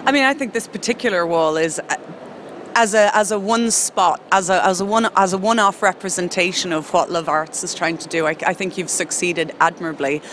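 A woman's voice: on the low side, brisk, fairly bright tone. A woman hosting a casual on-location podcast interview, chatty, informal and appreciative. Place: busy public exhibition space in city centre. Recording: noisy public space, urban background din. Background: people and urban ambience.

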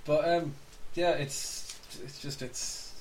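A podcast co-host chats casually about films and games, offering opinions in a rambling way that keeps doubling back on itself, with some mild swearing. His voice is a little high and slow, with fairly even intonation and a darkish tone. The recording is rough, with slight background noise.

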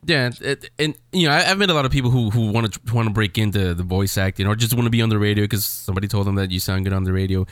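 A man, a guest on a podcast, chatting quickly and repeating words as he goes. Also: fairly low pitch, a bit bright, smooth, dry recording, studio quality. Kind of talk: conversational podcast interview.

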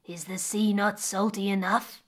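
A woman voicing a stern but kind magical mother crocodile with a low, rumbling voice and slow, deliberate speech. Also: flat delivery, close to an everyday voice. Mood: gentle.

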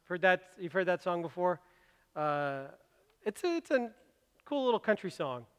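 Male pastor, sermon delivery, chatty but emphatic, personal asides; bright high voice, church hall echo. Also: very animated, normal speed, clear, resonant tone. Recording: long reverb of a large hall.

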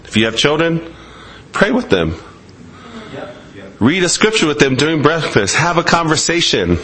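Lively, conversational male preacher. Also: on the high side, normal speed, low-quality recording. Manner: conversational, playful, acts out quoted voices. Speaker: pastor. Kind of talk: sermon.

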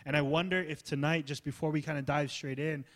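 A man preaching a sermon as pastor, swinging from loud emphasis to soft, low asides. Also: steady tone, brisk. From United States. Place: church hall.

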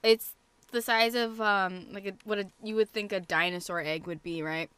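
A woman's voice: medium pitch, steady tone, normal speed, fairly bright tone, smooth, dry recording. A woman co-hosting a podcast in casual chat, swearing lightly and laughing often. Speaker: podcast co-host.

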